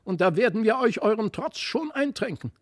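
A man voicing a spiteful ugly doll in a storybook reading, squawking and taunting in a high, shrill voice. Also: lively intonation, moderate pace. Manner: taunting, sing-song scolding.

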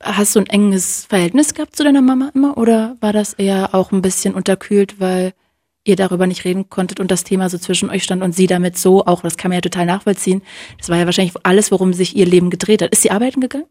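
A woman's voice: medium pitch, steady tone, quick pace, mellow, dry recording, clean studio sound. A woman interviewer who asks probing questions in an empathetic way. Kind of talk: podcast interview.

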